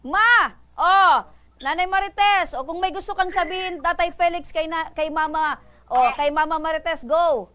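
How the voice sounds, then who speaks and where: Brisk high-voiced woman radio host. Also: fairly bright tone. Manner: brisk, probing, teasing. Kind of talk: radio call-in mediation.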